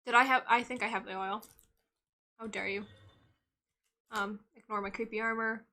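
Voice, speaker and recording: A young woman streaming a game live, chatting playfully as she plays, with sudden loud outbursts and giggles. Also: a little high, steady tone, moderate pace.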